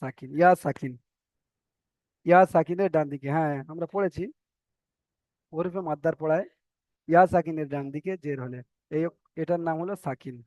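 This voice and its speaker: A male teacher, giving a step-by-step recitation lesson, spelling out letters slowly and repeating syllables. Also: fairly high pitch, darkish tone, dry recording. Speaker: Quran reading teacher.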